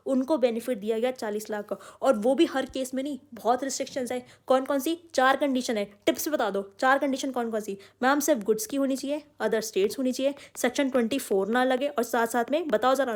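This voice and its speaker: A woman teaching an online exam-prep lecture, talking emphatically and calling her students "beta". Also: high-pitched. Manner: emphatic, addresses students as "beta", mixes English terms. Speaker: commerce tutor.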